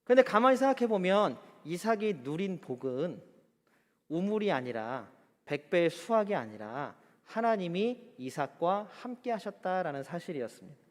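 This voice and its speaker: A man preaches a sermon in church with a fairly high voice. He poses rhetorical questions and slips into quoted speech, and the recording carries a long hall reverb. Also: very animated, normal speed. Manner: acts out quoted speech in a chatty voice. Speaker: pastor.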